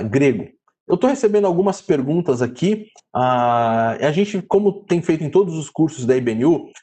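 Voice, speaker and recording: A man's voice: mid-range voice, a little mellow. A man teaching Greek in an online class, patiently saying each letter name three times and often checking in with his students.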